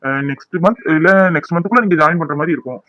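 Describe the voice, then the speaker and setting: An office boss in a cartoon drama makes his persuasive case, speaking quickly and evenly in a dry, close sound. A man acts him out. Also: fairly high pitch, expressive, pushed and bright, no room sound, highs cut off.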